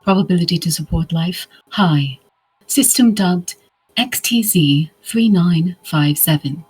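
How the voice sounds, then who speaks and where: A woman voicing an impassive spaceship computer in a science fiction audio drama, making flat, procedural announcements. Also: on the low side, a little slow, slightly rough, full character voice, low-quality recording.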